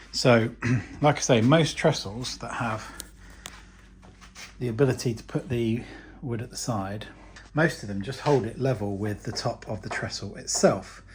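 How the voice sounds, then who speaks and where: Man, fairly low voice, casual DIY vlog, chatty, self-deprecating, noticeable background noise. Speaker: DIY vlogger. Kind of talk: casual talk to camera.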